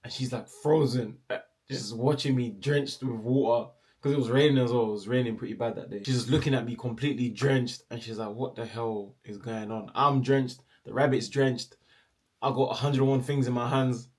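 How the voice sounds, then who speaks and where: A man's voice: medium pitch, steady tone, moderate pace, darkish tone. A young man, telling a personal story casually and acting out the other people's voices playfully. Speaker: storyteller vlogger.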